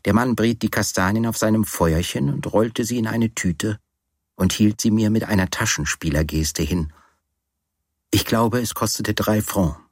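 A man reading from a novel on the radio in a calm, measured storytelling manner. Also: on the low side, husky, dry recording. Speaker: reader. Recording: dry studio.

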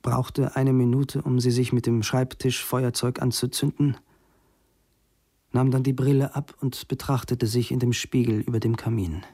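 A man reading a story aloud in a calm, measured narration. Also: medium pitch, slightly rough, no echo, studio quality. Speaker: audiobook reader. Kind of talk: scripted narration.

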